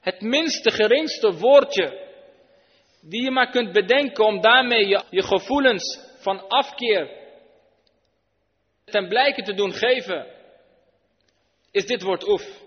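High-voiced man preaching in a reverberant hall. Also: takes it slowly, long pauses. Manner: earnest, explanatory, weaving in Arabic phrases. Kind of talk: Islamic sermon. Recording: dull lo-fi sound with long hall reverb.

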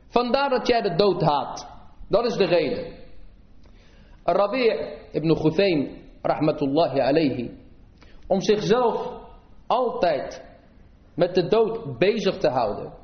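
A man delivering a sermon, preaching to the audience with swelling and falling emphasis. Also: sits high. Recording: echoey, dull lo-fi sound.

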